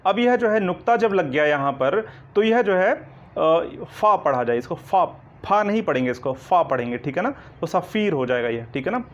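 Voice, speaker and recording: A man's voice: on the high side, animated, normal speed. Patient male Hindi teacher, lo-fi. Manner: explains step by step, repeating "ठीक है ना" and asking questions back. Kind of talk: online coaching lecture. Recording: dull lo-fi recording.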